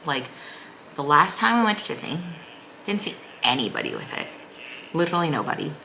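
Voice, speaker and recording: A woman's voice: low voice, big pitch swings, brisk, gravelly, pushed and bright, a little hiss or hum, low-quality recording. A woman vlogger giving a casual, chatty recap in a rambling, informal way full of "like". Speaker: vlogger, mother of a young child.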